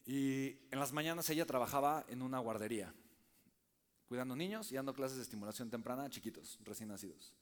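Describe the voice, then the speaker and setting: A man telling a personal story to a live audience, keeping them engaged with frequent quick questions. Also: medium pitch. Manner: conversational, keeps checking in with the audience. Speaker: speaker addressing a live audience. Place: in front of an audience.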